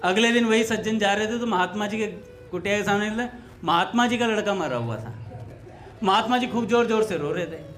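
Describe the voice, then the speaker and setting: A man with a high voice gives a relaxed devotional talk and tells anecdotes. He acts out the dialogue of the people in his stories. Soft music plays faintly behind him. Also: fairly quick. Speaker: satsang speaker.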